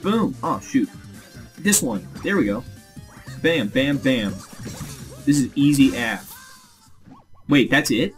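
Excitable young man commenting on gameplay. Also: mid-range voice, soft background music. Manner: excitable, quick reactions. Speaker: let's play host.

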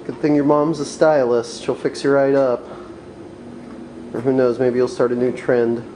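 A man, a new father in a hospital room, chatting gently and chuckling as he coos over his newborn. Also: medium pitch, flat delivery, moderate pace. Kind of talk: casual home video chat. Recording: noisy home video.

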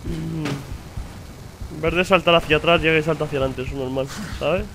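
A man's voice: on the high side, steady tone, a little fast, a bit bright, a little hiss or hum. A young man with a Spain Spanish accent commenting on his gameplay, swearing in frustrated outbursts and muttering to himself. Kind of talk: let's play commentary.

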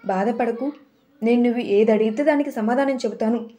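A woman voicing a patient, kind young man who gently coaxes a child to eat, in a storybook retelling. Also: fairly high pitch, fairly quick, close to an everyday voice. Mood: coaxing. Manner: coaxing, gentle.

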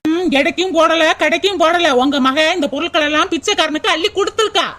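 A woman's voice: very high voice, fast talker, a bit bright, a little hiss or hum. A woman voicing a hot-tempered sister-in-law in a cartoon, sarcastic and snapping. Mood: angry. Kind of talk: Tamil cartoon dubbing.

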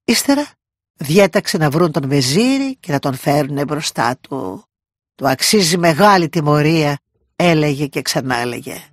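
A woman's voice: sits low, expressive, no room sound. A woman narrating a bedtime story expressively, voicing the characters' lines. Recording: dry close recording with soft guitar music.

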